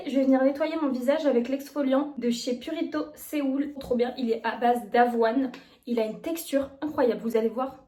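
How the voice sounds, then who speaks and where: Young female beauty vlogger, high-pitched and soft-toned, chatty and enthusiastic. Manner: chatty and gushing about products. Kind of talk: casual chat, makeup tutorial.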